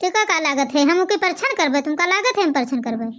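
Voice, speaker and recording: A woman's voice: very high-pitched, animated, a little fast, a bit bright. A woman playing a grudging, wicked village stepmother in a comedy skit, speaking conniving lines with an Awadhi accent. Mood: grudging, scornful.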